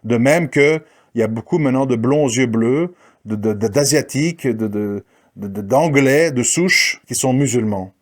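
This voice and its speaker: In a ranting monologue delivered at a moderate pace, a male commentator with a medium-pitched voice goes on the offensive, challenging listeners and ridiculing those he criticizes.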